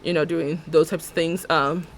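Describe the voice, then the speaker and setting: Chatting with viewers while she plays a building game on stream, a young woman rambles and laughs often. Her deep alto stays steady at a normal speed.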